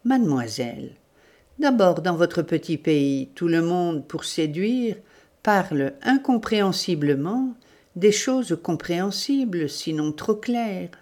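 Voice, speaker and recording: A woman's voice: on the low side, expressive, slow pace, darkish tone. A woman reading the part of a sarcastic, condescending Russian man in a storybook. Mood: mocking. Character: mocking, scornful Russian man.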